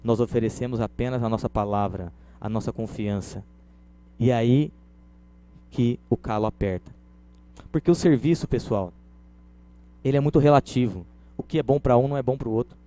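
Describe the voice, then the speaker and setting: A man's voice: medium pitch, normal speed, long pauses, dark tone. A Brazilian man giving a conversational lecture, illustrating points with everyday stories. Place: lecture room.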